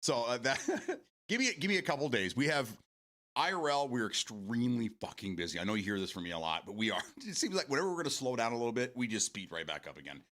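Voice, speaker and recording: A man's voice: medium pitch, sing-song, fast talker, fairly bright tone. A man in his forties hosting a casual morning stream, rambling, repeating words and swearing casually as he answers viewer comments. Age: 40s.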